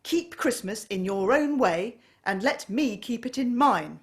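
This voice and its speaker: A woman voicing a bitter, miserly old man who answers with loud, indignant outbursts. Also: fairly high pitch, animated, measured pace, voice pushed up.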